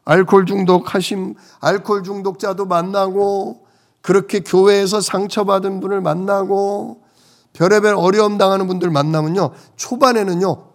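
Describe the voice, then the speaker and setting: High-voiced Korean-speaking male pastor preaching. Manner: preaching with sharp swings between loud and hushed delivery; acts out quoted voices of troubled people. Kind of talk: sermon.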